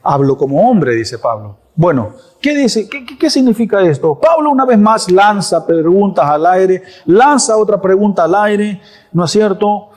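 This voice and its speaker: A male pastor delivers a sermon in church. He is emphatic, repeats lines for stress and throws out rhetorical questions. His voice sits a little higher than most men's. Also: big pitch swings, moderate pace, a little mellow.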